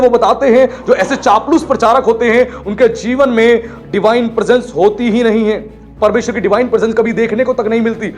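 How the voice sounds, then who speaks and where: A man preaching a sermon with passion, acting out the people he describes as he goes. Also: very high-pitched. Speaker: pastor.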